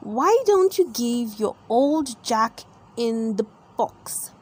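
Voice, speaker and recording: A woman's voice: fairly high pitch, lively intonation, slow, a little mellow, slightly rough, full character voice. A woman voicing a proud, put-upon father pig in a children's storybook, earnest and slightly pompous. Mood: suggesting. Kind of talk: children's storybook read-aloud.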